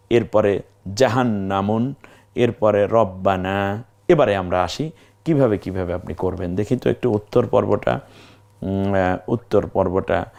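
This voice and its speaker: A man with a fairly low voice leads a recorded Quran reading lesson. He speaks straight to the viewer in a patient way. He draws out each practice syllable slowly, one after another. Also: vocal fry, darkish tone.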